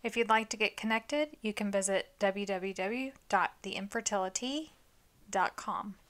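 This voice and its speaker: A woman's voice: medium pitch, moderate pace, a bit bright. A woman hosting a casual podcast, chatting playfully and laughing often. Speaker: podcast host. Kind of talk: casual chat.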